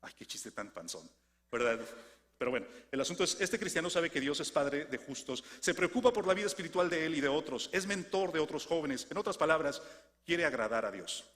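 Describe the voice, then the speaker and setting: A man with a Mexican Spanish accent preaching a sermon, swinging from lively questions to soft, low emphasis. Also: quick pace. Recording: long hall reverb.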